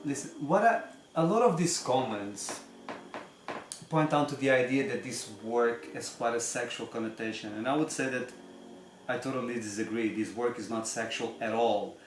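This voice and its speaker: Speaking at medium pitch and normal speed, this massage teacher and channel host plays the teacher, chatting casually and reading out comments in an earnest, emphatic way full of rhetorical questions. Slight background noise and music fill an echoey room.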